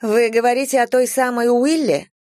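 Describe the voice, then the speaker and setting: A woman's voice: fairly high pitch, steady tone, normal speed, a little mellow, dry recording, studio quality, pitched above the performer's own voice, close to an everyday voice. A woman reading an audiobook, voicing a teasing, wry young woman adventurer. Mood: curious.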